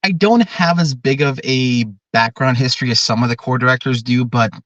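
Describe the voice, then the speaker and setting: A man's voice: mid-range voice, moderate pace, fairly bright tone, dry recording, highs cut off. A man in his early twenties, a drum corps director, talking earnestly and at length in a podcast interview. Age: 20s. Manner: earnest, talkative, explains at length.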